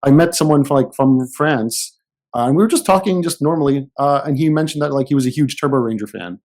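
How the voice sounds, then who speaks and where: A man in casual podcast chat, telling anecdotes with animated restarts. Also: mid-range voice, fairly quick, poor audio. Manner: storytelling, animated, many restarts. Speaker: podcast guest.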